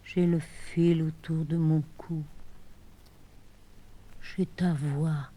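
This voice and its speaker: An older actress playing a desperate woman pleading with her departing lover on the telephone, halting and swinging between emotions. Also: sits low, steady tone, mellow, exaggerated voice. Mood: despairing. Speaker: actress in a one-woman play. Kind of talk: theatrical monologue on the telephone.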